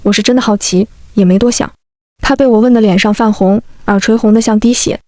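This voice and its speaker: A woman narrating a first-person story in a brisk, wry storytelling manner. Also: mid-range voice, fairly even intonation, darkish tone, dry recording.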